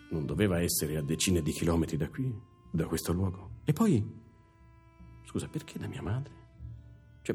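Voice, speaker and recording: A man performing a theatrical monologue, telling the story expressively, moving from hushed to emphatic and speaking directly to the audience. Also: low-pitched. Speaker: stage performer. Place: theatre stage.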